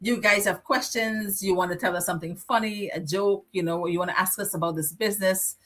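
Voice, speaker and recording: A woman with a Guyanese accent hosts a casual live chat, spinning animated stories from her childhood. Her voice sits at a middle pitch for a woman, and her delivery is lively and conversational. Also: fairly quick. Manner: animated nostalgic storytelling. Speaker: co-host.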